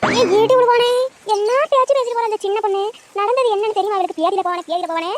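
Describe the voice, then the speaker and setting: A woman's voice: sits high, racing, background noise, natural voice. A woman doing a nosy, scolding aunt. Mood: indignant. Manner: suspicious, interrogating. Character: nosy scolding middle-aged village aunt.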